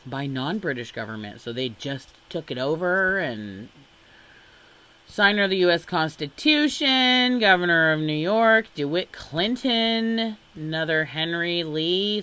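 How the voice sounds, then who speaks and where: A woman's voice: on the low side, expressive, unhurried, pushed and bright, clean tone. A woman vlogger reading a long list of names and titles aloud, breaking off with exasperated asides and sighs. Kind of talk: casual commentary while reading aloud.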